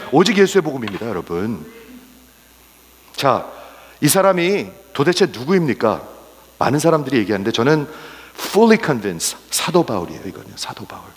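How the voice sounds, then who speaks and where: A male pastor preaching a sermon, swinging from raised exclamations to hushed, whispered asides and mixing English words into his Korean. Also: fairly low pitch, in a large hall.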